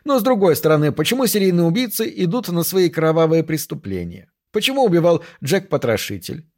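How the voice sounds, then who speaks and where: A man's voice: fairly high pitch, sing-song, fairly quick, a little mellow, pitched above the performer's own voice. A man reading an audiobook, voicing a pompous, self-satisfied police captain who talks grandly and gives orders. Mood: grandiose. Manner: grandiose, theatrical, commanding.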